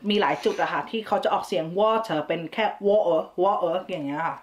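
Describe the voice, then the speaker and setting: A woman's voice: fairly low pitch, fast. A woman from Thailand hosting a vlog, explaining words in a chatty way with English words mixed in and giggly asides. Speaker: vlog host. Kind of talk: casual explainer chat.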